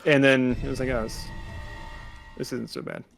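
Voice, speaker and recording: A man's voice: mid-range voice, little pitch movement, normal speed, vocal fry, soft background music. A man in his thirties from California chatting casually during a game, explaining things at length with plenty of fillers. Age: 30s. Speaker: let's play co-host. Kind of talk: casual gameplay chat.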